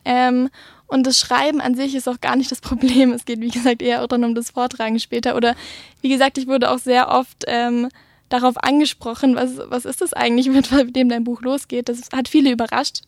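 High-voiced hesitant woman author. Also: level tone, fairly quick, dry recording, studio quality. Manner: hesitant, frequent filler words. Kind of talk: interview answers and reading aloud.

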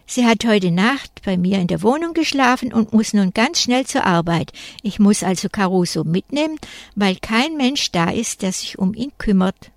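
A woman's voice: mid-range voice, expressive, normal speed, no echo, close to an everyday voice. A woman reading a children's story aloud, voicing a stubborn, indignant schoolgirl in a dry, close voice. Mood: defiant. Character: defiant schoolgirl with a big dog.

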